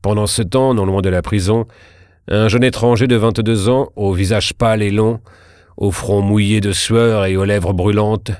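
A man narrating a historical story in a measured, steady reading. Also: fairly low pitch, dry recording, clean studio sound.

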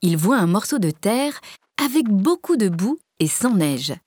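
A woman reading a children's story aloud with clear, measured storytelling. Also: mid-range voice, very animated, a little mellow. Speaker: narrator.

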